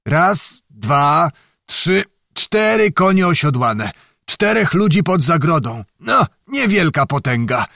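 A man's voice: on the high side, very animated, takes it slowly, creaky, bright, forceful tone, no echo, clean studio sound, voice pushed up, heavily acted. A man voicing a boastful, cunning old nobleman who blusters and commands, reading a storybook. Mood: wary.

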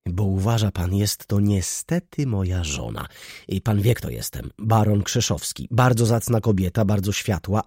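A man's voice: lowish voice, warm tone, slightly rough, no room sound, clean studio sound, exaggerated voice. A man voicing a fussy, absent-minded aristocratic baron who rambles and fawns. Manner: fawning, rambling, eager.

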